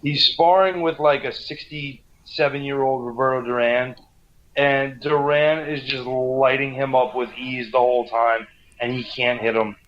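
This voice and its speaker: Man, mid-pitched voice, casual sports chat, co-commentator, slightly lo-fi muffled audio. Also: steady tone, unhurried. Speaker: boxing show co-commentator.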